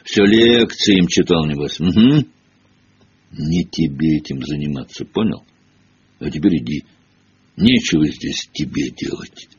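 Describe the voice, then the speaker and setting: Man voicing a gruff giant gamekeeper, low rumbling voice, blunt homely talk, muffled recording. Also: sing-song, a little slow, long pauses, heavily acted. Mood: stern. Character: big gruff good-natured male gamekeeper.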